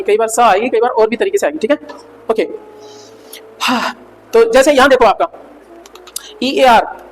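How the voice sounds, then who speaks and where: A male English teacher giving a revision lecture, asking the class questions and answering them himself, repeating key words and spelling out letters. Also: very high-pitched. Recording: reverberant room with faint noise.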